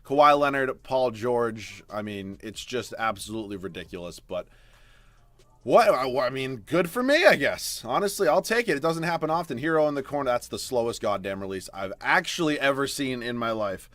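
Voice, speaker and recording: A young man casually commentating his basketball video game as he plays, swinging from low mutters to loud swearing outbursts. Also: lively intonation, brisk, few pauses, dry recording. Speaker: gaming streamer.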